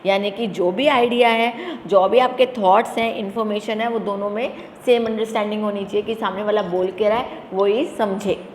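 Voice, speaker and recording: A woman teacher explaining a lesson to students, asking questions and answering them herself, and reading English definitions slowly. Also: mid-range voice, steady tone. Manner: addresses students as "beta". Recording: echoey room with faint background noise.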